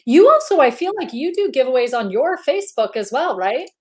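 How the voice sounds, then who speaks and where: A woman from Indiana hosting a relaxed live chat. Her voice sits high and bright, and she rambles cheerfully with lots of fillers and giggles. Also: fairly quick. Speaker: host. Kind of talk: casual live-stream chat.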